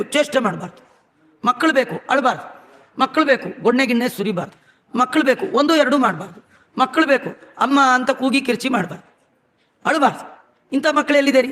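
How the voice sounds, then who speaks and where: A man's voice: very high-pitched, a bit bright. A man giving a storytelling sermon, chanting verses and making humorous, scolding asides to his listeners. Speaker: religious discourse speaker. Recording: echoey hall.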